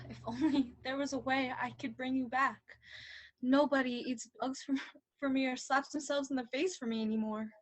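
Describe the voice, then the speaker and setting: A woman's voice: extremely high pitch, animated, slow pace, pushed and bright, heavily acted, rough recording. A woman playing a melodramatic, childish, doting king in a broad stage comedy, over the top and given to wailing. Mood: mournful.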